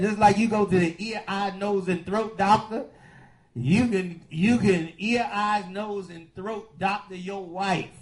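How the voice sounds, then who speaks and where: A man hosts a call-in radio show in the manner of a preacher. His voice sits fairly high, and he stretches out key words with slow, emphatic weight. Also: a little mellow, poor audio. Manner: preachy, drawn-out emphatic delivery.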